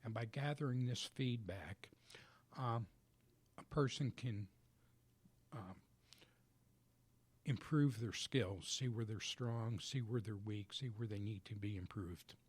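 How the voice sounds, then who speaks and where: A man guest on a business radio show in a studio, explaining his coaching work in a measured, methodical way. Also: fairly low pitch, slightly rough. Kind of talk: radio interview answers.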